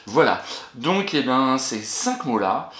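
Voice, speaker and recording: Lively, encouraging male teacher, roomy echo. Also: medium pitch. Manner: encouraging, talks to an absent pupil and pauses for answers; spells words slowly letter by letter. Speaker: primary school teacher. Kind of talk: recorded spelling lesson for a child. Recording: echoey room with faint noise.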